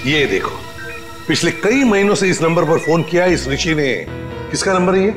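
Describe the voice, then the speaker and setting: An actor playing a senior police officer who gives orders in a TV crime drama. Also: male voice, a little high, normal speed, music in the background, lightly acted. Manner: commanding, giving orders.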